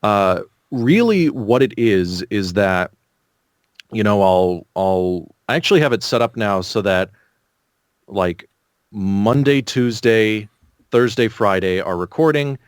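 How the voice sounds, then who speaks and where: A man answers interview questions casually in a lowish, clean and resonant voice. He explains things very unhurriedly, pausing to think aloud as he goes. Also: animated, clean tone, no echo, clean studio sound. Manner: measured, thinking aloud with pauses. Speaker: interview guest.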